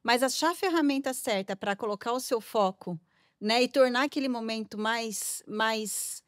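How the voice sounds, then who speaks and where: A woman co-hosting a podcast interview, telling stories in an animated, chatty way. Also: fairly high pitch, moderate pace, no room sound, studio quality. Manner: animated storytelling. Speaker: podcast co-host. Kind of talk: casual interview chat.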